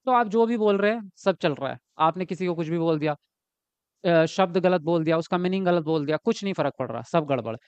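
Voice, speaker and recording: This live online exam-prep lecture features a man with a fairly high, expressive, slightly mellow voice that is clean in tone and brisk in pace. The recording is dry and dull. He walks through material step by step, answers his own questions, and reads out viewer comments while responding to them.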